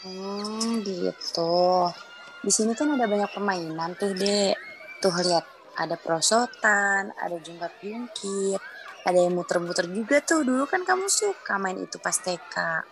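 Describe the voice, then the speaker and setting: A woman voicing a calm, kindly mother who soothes her daughter, in a children's cartoon drama. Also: medium pitch, a little slow, background noise. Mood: soothing.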